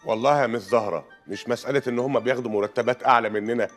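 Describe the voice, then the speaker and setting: Actor playing an aggrieved Egyptian teacher. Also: male voice, medium pitch, racing, soft background music, lightly acted. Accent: Egyptian Arabic. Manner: earnest, complaining. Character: aggrieved male schoolteacher. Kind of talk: comedy TV series acting.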